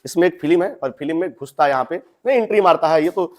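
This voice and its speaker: Male teacher, young adult, chatty classroom explainer, fairly high voice. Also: quick pace. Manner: chatty, addresses students directly with asides. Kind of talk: explaining a Hindi story to students.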